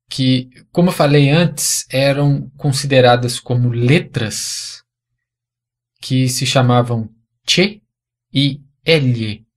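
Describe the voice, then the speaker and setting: A man with a Brazilian Portuguese accent teaching a language lesson, patiently explaining and repeating example words clearly. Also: mid-range voice.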